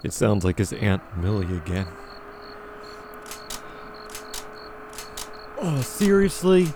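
A man's voice: on the low side, sing-song, normal speed, background noise. A man voicing a sleepy, put-upon husband woken in the night, complaining in an exasperated, whiny way in an amateur comedy audio drama. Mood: groggy.

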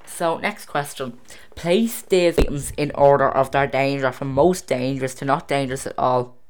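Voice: medium pitch, normal speed, a little hiss or hum. A casual home-video host reading quiz questions aloud, stumbling over words and restarting.

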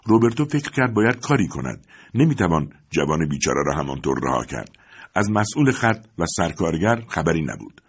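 A man reading a story aloud as narrator, with expressive storytelling. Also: low-pitched, slightly rough.

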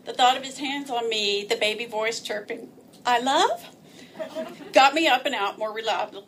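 A woman's voice: a little high, a little fast, a bit bright, a little hiss or hum. A woman telling a personal story aloud in a wry, self-mocking way, often laughing as she speaks.

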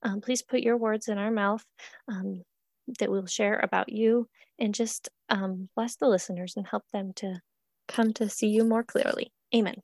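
A young woman hosts a faith podcast, friendly and chatty, sometimes rushing her words. Her pitch is in the middle for a woman, and the recording is close and dry, with no room echo. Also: steady tone, a little mellow. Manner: friendly, quick, chatty with small laughs. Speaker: podcast host. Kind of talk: casual faith podcast interview.

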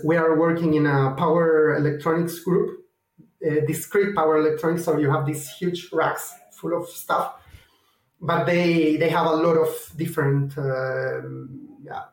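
A man with a Chilean Spanish accent, a guest engineer explaining a project haltingly, with many fillers and restarts. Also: on the high side, steady tone, echoey room, rough recording. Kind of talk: technical interview.

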